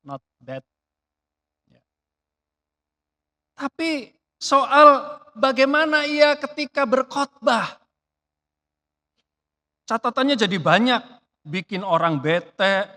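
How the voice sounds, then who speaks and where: A man preaching a sermon in a church, chatty and lively, with rhetorical questions and sudden swings between loud emphatic bursts and quiet asides. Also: very high-pitched, extremely slow, pauses often. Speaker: pastor.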